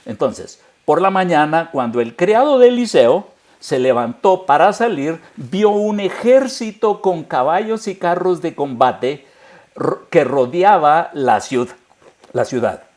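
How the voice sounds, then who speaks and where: A man's voice: on the high side, expressive, unhurried, a little mellow. A man, a pastor, preaching a sermon earnestly and speaking straight to the listener.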